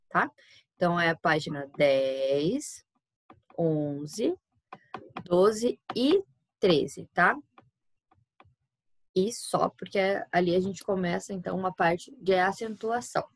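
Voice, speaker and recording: A woman's voice: fairly low pitch, no room sound. Patient Brazilian woman teaching a class. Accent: Brazilian Portuguese. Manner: patient, explains step by step, often checks with "tá?". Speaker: Spanish teacher. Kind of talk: recorded online class.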